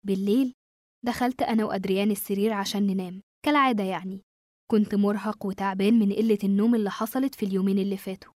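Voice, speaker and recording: A woman with an Egyptian accent narrating a first-person horror story in a hushed, suspenseful way. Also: medium pitch, steady tone, racing, no echo, clean studio sound. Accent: Egyptian Arabic.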